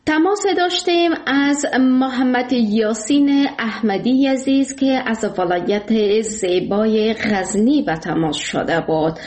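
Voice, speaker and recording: Afghan dari lady hosting a call-in radio show, higher voice, polite and gushing, echoey studio. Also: few pauses, darkish tone. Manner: courteous, effusive praise for callers.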